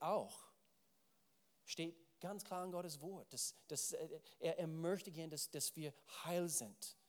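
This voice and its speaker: Higher-voiced man preaching a sermon. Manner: emphatic, often repeats words while searching for phrasing; addresses listeners directly with questions.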